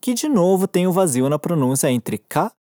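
In a recorded Japanese lesson, a woman with a Brazilian Portuguese accent teaches patiently and encouragingly, slowing down to model each phrase. Her voice sits on the low side, mellow and sing-song. The studio sound is clean with no echo.

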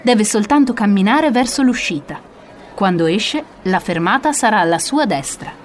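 A woman's voice: mid-range voice, lively intonation, moderate pace, slight background noise, lightly acted. A woman voicing a polite airport information clerk in a scripted language-lesson dialogue, speaking courteously and helpfully.

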